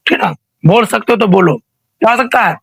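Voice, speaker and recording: High-voiced man quizzing an online class. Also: moderate pace, gravelly, a bit bright, slightly rough, no echo, low-quality recording. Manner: asks questions repeatedly, prompts students to answer. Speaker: teacher. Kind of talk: online class quiz revision.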